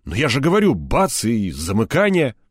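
Brief: man voicing a flustered middle-aged police colonel; raised, strained pitch, loud, fawning. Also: wildly swooping pitch, moderate pace, breathy edge, no room sound, studio quality. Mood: nervous, fawning. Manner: flustered, eager to please, loud.

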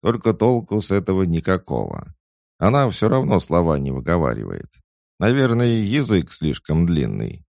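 A man's voice: low-pitched, very animated, normal speed, vocal fry, darkish tone, no echo, studio quality, voice pushed up, heavily acted. A man voicing a grumpy, skeptical female ghost maid in an audiobook, grumbling and sarcastic. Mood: mocking.

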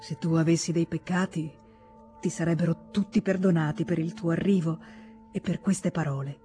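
A woman's voice: lowish voice, steady tone, moderate pace, over music, close to an everyday voice. A woman reading an audiobook, voicing a tender young noblewoman who speaks in an earnest, confiding way. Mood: pleading. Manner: earnest, confiding, gently pleading. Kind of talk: audiobook character voice.

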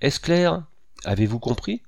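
A man's voice: fairly high pitch, sing-song, gravelly, pitched above the performer's own voice, exaggerated voice. A man voicing a flustered chattering old society lady. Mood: fussy gushing. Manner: rushed, piling up phrases, repeating herself.

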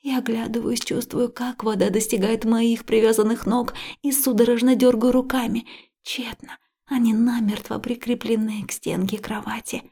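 A woman reads a first-person story in a close, emotional voice that often drops to a breathy whisper. Her tone is husky, with a gravelly fry at the ends of her phrases, and it sits a little higher than average. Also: little pitch movement, moderate pace, dark tone. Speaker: audiobook narrator. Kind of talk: first-person scripted narration.

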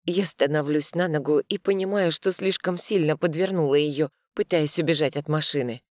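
A woman narrating a first-person audiobook who acts out her character's lines in loud, high cries. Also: moderate pace, no room sound, studio quality.

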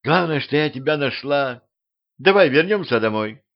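A man's voice: on the high side, animated, moderate pace, dull audio, pitched above the performer's own voice. A man voicing a young female vampire who pleads with her sister in a raised voice. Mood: pleading.

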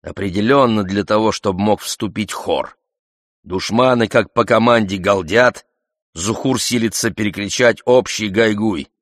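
A man's voice: lowish voice, unhurried, dry recording, clean studio sound. A man narrating an audiobook in the first person, with a terse, clipped delivery.

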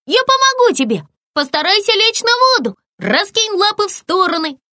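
A brave little hare cub, voiced by a woman in a children's audiobook, his voice pitched very high and bouncing with urgency. He calls out instructions in quick, eager bursts, and the sound is close and dry. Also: big pitch swings, sharp tone, no room sound, heavily acted. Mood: urgent.

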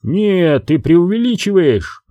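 A sullen, defensive hitman, as a male audiobook reader puts him on, talking a little higher than the narration. He grumbles and pleads his excuses in a lively, uneven voice. The tone is dark and mellow, dry and close. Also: slow, dry recording, dull audio, exaggerated voice.

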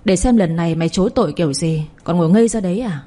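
A woman's voice: fairly low pitch, racing, lightly acted. A woman putting on a raging old mother-in-law. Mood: furious. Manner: scolding, shouting insults. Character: furious older woman, a harsh domineering mother-in-law.

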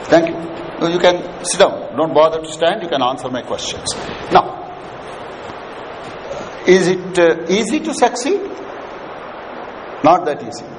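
A man's voice: fairly high pitch, sing-song, a little slow, pauses often. A man with an Indian accent giving an interactive lecture to students, prodding listeners with questions and repeating his points. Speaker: lecturer leading a management session. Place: large hall with an audience of students. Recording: echoey hall, clearly noisy background.

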